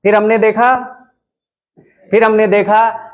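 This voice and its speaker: A man's voice: sits high, completely flat delivery, takes it slowly. A man teaching a classroom lesson, explaining step by step and repeating points for emphasis, with a Bihari Hindi accent. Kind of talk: classroom lecture. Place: classroom with a writing board.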